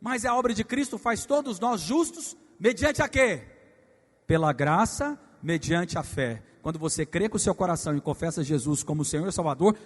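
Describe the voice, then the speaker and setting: A pastor with a high voice preaches to his church, leading call-and-response lines with the congregation. He drops to soft asides and then bursts into shouts. His voice rings with a long hall reverb. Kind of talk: sermon.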